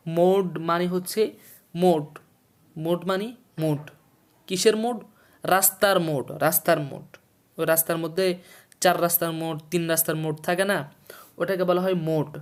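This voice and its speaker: A man's voice: high voice, smooth. Patient male teacher repeating each word. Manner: explains slowly, repeats words and meanings, quizzes the listener. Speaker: Urdu teacher. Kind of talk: textbook lesson for a video series.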